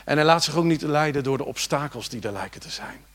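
A man preaching a sermon, moving between quiet reflection and loud, rising exhortation and speaking directly to his congregation with rhetorical questions. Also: on the high side, lively intonation, quick pace. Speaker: pastor.

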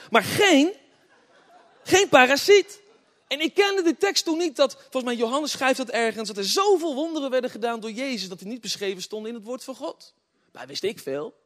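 A man preaching a humorous testimony sermon, telling stories with laughter and swinging between hushed and loud. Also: extremely high pitch, sing-song, fairly quick. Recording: long hall reverb.

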